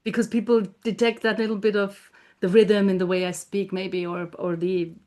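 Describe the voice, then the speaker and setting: A woman's voice: mid-range voice, little pitch movement, normal speed. Austrian-accented woman asking questions. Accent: Austrian German. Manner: warm, inquisitive interviewer, laughs easily. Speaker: co-host. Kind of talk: casual conversation.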